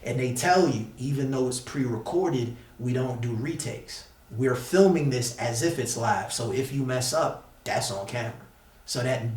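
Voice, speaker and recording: An American man with a medium-pitched, somewhat dark voice tells a story casually as a guest on an interview, using slangy, emphatic, repetitive phrasing. He's a battle rapper, and the distant mic picks him up in an echoey room.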